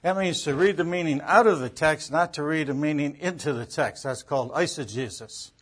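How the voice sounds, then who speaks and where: With a somewhat high, slightly rough voice and a little fast, a Bible teacher gives an emphatic lecture on biblical interpretation. He reinforces each point through repetition and rhetorical questions.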